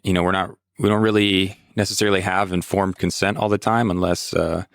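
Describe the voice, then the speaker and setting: A man's voice: deep voice, level tone, fairly quick, vocal fry, a bit bright, no room sound, clean studio sound. A man chatting casually as a podcast host, with informal, laid-back phrasing. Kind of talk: casual interview chat.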